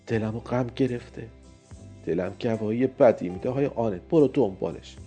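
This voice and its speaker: A man voicing an anxious young noblewoman who softly calls for her maid, in a dramatized audiobook reading. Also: medium pitch, soft background music, natural voice. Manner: soft, fretful, hushed.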